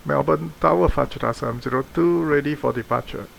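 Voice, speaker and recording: A man's voice: fairly high pitch, fairly quick, creaky, slight background noise. A man playing an airline pilot, reading clipped cockpit callouts and radio calls into a headset mic. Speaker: flight sim player acting as pilot.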